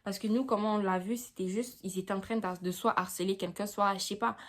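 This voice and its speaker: A woman's voice: medium pitch, fairly even intonation, fairly quick. A young woman vlogger telling a personal story time in a slangy, chatty way, with frequent "tu vois".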